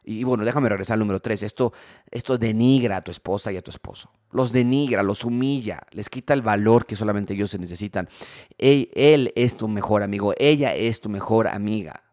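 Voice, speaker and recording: A man preaching a sermon on marriage, animated, sometimes acting out the voices of quarreling spouses. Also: on the low side, fairly quick, dry recording, clean studio sound. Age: married adult. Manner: animated, acts out quoted spouses. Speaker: pastor.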